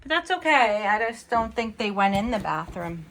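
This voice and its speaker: A woman's voice: medium pitch, big pitch swings, normal speed, a bit bright, slight background noise. A young adult woman hosting a home video, chatting casually with a child.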